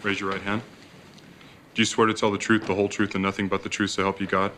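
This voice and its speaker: Rapid low monotone male bailiff. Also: a little hiss or hum. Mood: rote, official. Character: rote, official male court bailiff. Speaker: court bailiff. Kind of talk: television courtroom drama acting.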